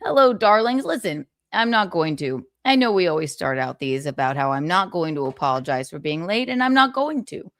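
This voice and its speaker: A woman's voice: lowish voice, very animated, a little fast, hardly any pauses, fairly bright tone, dry recording, studio quality. Theatrical, sassy woman hosting a livestream. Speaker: live stream host. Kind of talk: casual gossipy livestream chat.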